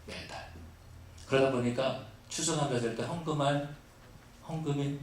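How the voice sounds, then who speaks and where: A man's voice: mid-range voice, measured pace, slight background noise. A man preaching a sermon as pastor, breaking from plain storytelling into fervent, prayer-like appeals. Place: church sanctuary. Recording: echoey church hall from far off.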